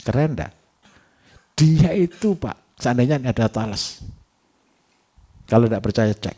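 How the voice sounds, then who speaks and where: A man giving a livestock farming workshop, lively and teasing, who keeps asking his audience rhetorical questions. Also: medium pitch, measured pace. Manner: animated, repetitive, teasing.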